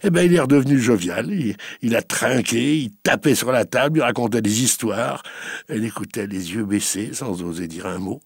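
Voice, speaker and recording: A man telling a story aloud in a lively spoken way. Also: medium pitch, moderate pace, breathy edge, dry recording, studio quality. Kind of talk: oral storytelling.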